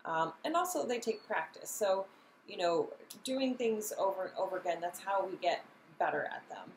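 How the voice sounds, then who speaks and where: A woman school social worker giving a gentle, explanatory wellness lesson to students, with many ums. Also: mid-range voice, animated, moderate pace, roomy sound, slight background noise, low-quality recording.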